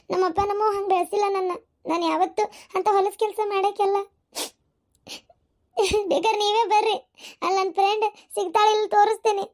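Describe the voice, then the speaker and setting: A woman playing a hurt young village daughter-in-law in a family skit, pleading and defending herself in a North Karnataka Kannada accent. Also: very high voice.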